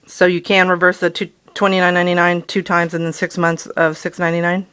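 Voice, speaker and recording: A woman's voice: on the low side, monotone, fairly quick, fairly bright tone, clean tone. A middle-aged woman, a customer on a phone call, explaining in a conversational, persistent way. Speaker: customer calling about a bill.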